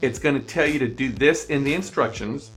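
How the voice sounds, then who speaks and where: A man's voice: mid-range voice, fairly quick, a bit bright, soft background music. A man explaining a computer task step by step in a screen-recorded tutorial, repeating himself as he goes, on a desk microphone at his computer. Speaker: online tutorial presenter. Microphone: USB desk microphone.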